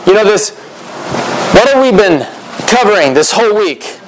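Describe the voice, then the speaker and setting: A man's voice: high-pitched, very animated, normal speed, over a noisy crowd, rough recording. A young American man introducing himself and preaching in a friendly, joking way, calling out questions to the audience. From United States. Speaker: conference speaker. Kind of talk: casual talk leading into a sermon.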